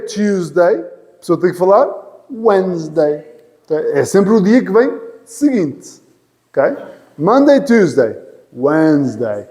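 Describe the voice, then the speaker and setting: A man leads an English lesson with a bright, high voice that swoops up and down. He speaks unhurriedly and jokes with his students, drawing out words so they can repeat them. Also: in a large hall. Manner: playful, teasing, drawn-out repetitions of words. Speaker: English teacher. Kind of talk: classroom lesson. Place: church hall classroom.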